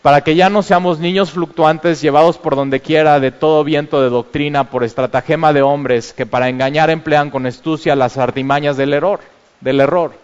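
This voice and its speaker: A man preaching a sermon as pastor, urging and animated, with exclamations when he tells stories. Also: a little high, moderate pace, few pauses, clean tone, long reverb tail, muffled recording.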